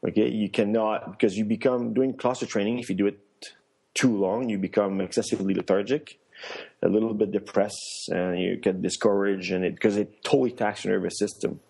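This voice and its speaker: A man's voice: lowish voice, fairly even intonation, brisk, vocal fry, darkish tone, husky. A middle-aged man, a former athlete, casually tells a story in an interview. He restarts often and laughs here and there. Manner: rambling, with many restarts and fillers; laughs while telling stories. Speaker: guest, former luge athlete and coach.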